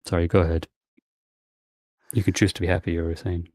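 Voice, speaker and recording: A man's voice: deep voice, little pitch movement, brisk, a little mellow, dry recording, clean studio sound. A man chatting casually over a call, his mic cutting in and out as the call keeps dropping out. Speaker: conversation partner on a call. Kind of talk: casual chat. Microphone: call microphone.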